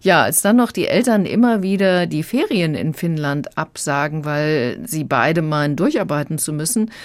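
A woman critic talking through a children's audiobook on the radio in a calm, chatty way. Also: low-pitched, normal speed, dry recording. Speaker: book critic. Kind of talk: radio book review.

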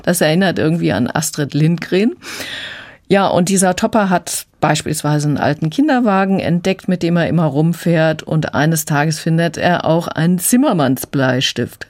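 A woman critic calmly retelling and explaining children's books on the radio. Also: deep voice. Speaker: book critic guest. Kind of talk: radio book review.

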